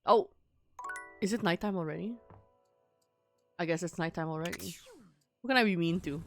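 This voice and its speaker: A woman's voice: lowish voice, moderate pace, faint music behind. A woman streaming a game with casual, playfully grumpy and blunt commentary. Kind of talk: casual gameplay commentary, reading and reacting.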